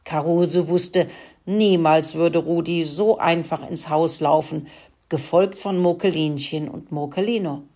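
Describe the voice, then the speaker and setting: Slow, low-voiced woman reading a story. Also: steady tone, a little mellow.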